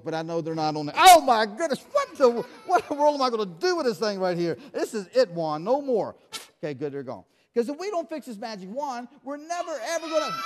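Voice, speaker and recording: A man performing a children's magic show, playfully acting surprised and quizzing the kids in call-and-response. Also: sits high. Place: church hall with a live audience. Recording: echoey hall.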